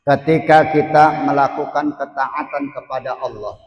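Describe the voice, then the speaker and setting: A man's voice: medium pitch, fairly even intonation, moderate pace. A man teaching a religious text. He reads Arabic phrases, glosses each one in Indonesian, and puts questions to the women listening. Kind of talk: reading and translating an Arabic text in a study session. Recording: echoey hall with long reverb.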